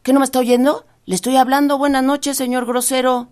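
A woman with a Mexican accent voicing a cheeky, greedy male rabbit who shouts indignantly. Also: high-pitched, little pitch movement, a little fast, pitched above the performer's own voice, lightly acted. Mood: cheeky polite.

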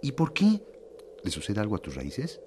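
Guy doing an earnest hiker in a kids audio story, super expressive, faint noise behind. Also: on the low side, normal speed. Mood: eager. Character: excitable, earnest male hiker lost in forest. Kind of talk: children's audio drama acting and narration.

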